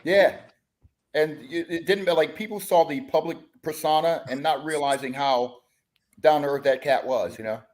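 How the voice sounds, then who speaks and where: A man's voice: fairly high pitch, normal speed, a little mellow. A man who leads a band, chatting as a podcast guest, rambling with lots of fillers and restarts. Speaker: guest musician, bandleader. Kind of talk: casual podcast chat.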